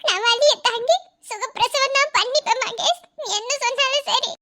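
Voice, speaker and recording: A woman's voice: very high voice, moderate pace, bright, forceful tone, a little hiss or hum. A woman voicing a brave young pregnant wife who comforts her frightened husband, tender and teasing. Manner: tender, teasing, laughing through tears. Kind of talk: cartoon voice acting.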